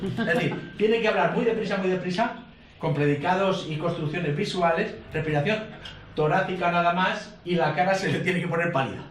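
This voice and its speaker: A man's voice: high voice, moderate pace, far from the mic, slight background noise. A man teaching a live workshop to a group, explaining points and checking in with frequent tag questions. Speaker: course instructor. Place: lecture room in front of an audience. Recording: roomy amateur recording from afar.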